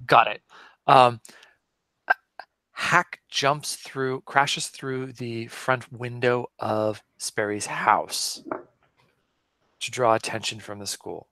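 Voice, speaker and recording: Brief: male rpg player with a bright tone, dry close sound, self-correcting. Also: mid-range voice, fairly even intonation, slow pace, pauses often, no room sound. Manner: thinking aloud, self-correcting. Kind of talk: tabletop game play.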